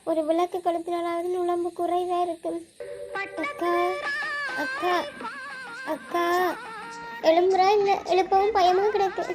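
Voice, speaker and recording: Casting: woman playing a sad, soft-spoken young aunt, overworked and kind, very high, Sri Lankan Tamil accent.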